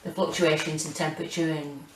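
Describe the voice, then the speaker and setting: A British woman in her forties chatting casually and hesitantly as she gives a rambling home gardening tour, with a monotone, self-deprecating manner. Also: low-pitched, a little fast, a little hiss or hum, rough recording. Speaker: gardening vlogger. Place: small home kitchen and windowsill, indoors.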